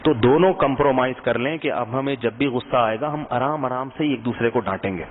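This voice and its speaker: A man's voice: medium pitch, a little hiss or hum. A man giving a conversational sermon to a live audience, mixing jokes with advice and often checking that listeners are following. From Pakistan. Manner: humorous, asks the audience questions often. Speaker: Islamic scholar giving a sermon. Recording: tinny phone-like sound with long hall reverb.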